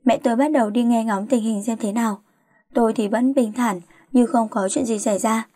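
Warm woman storyteller. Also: a little high, fairly even intonation, brisk, dry recording, clean studio sound. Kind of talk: late-night first-person story narration.

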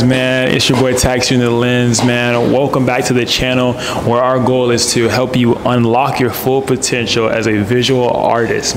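A young man hosts a casual workout vlog, hyping viewers up with slang and counting out reps in a gym. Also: mid-range voice. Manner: hyped, slangy, coaching with rep counts. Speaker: photography vlogger and host. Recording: noisy gym ambience.

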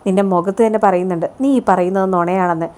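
A woman's voice: on the low side, fairly even intonation, fast, warm tone, lightly acted. A woman voicing a suspicious young woman who questions someone firmly in a serial retelling. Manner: questioning, firm.

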